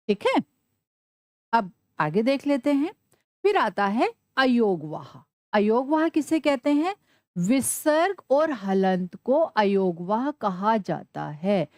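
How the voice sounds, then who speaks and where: A woman teaching a Sanskrit lesson to children, asking questions and answering them herself, spelling out letters slowly. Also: a little high, darkish tone, no room sound, clean studio sound. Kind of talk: classroom lesson.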